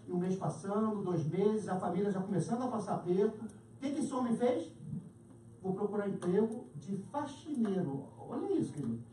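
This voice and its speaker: A Brazilian woman preaching a lively sermon, calling listeners dear and acting out little scenes. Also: medium pitch, fairly quick, slight background noise. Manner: animated, addresses listeners as "querido", acts out scenes. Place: church hall. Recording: roomy hall from far off.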